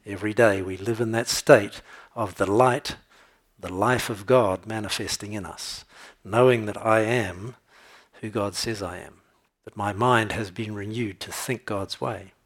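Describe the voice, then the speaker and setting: Male pastor, low husky voice, relaxed conversational preaching with humor. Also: measured pace. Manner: conversational, tells jokes and laughs, checks in with "okay?". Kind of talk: sermon.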